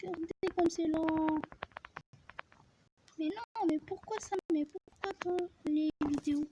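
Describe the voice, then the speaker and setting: A woman giving casual commentary over her own gameplay, excitable, yelling at the game and restarting her sentences often. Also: very high voice, slow pace, noisy background. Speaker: gamer narrating her play. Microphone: phone screen recorder mic.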